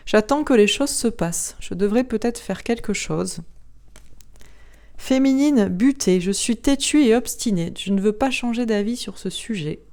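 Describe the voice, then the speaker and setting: Mellow-voiced woman reading oracle cards. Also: on the high side. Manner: names each card, then reads its short first-person message plainly. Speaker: oracle card reader. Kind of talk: reading card texts aloud to viewers.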